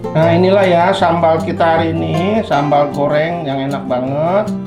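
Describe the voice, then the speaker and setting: A man's voice: a little high, moderate pace, echoey room, music in the background. A man with an Indonesian accent hosting a home cooking tutorial in his kitchen, chatty and friendly, tacking "ya" onto his phrases. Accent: Indonesian, with Sundanese terms. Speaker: cooking channel host. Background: frying and sizzling.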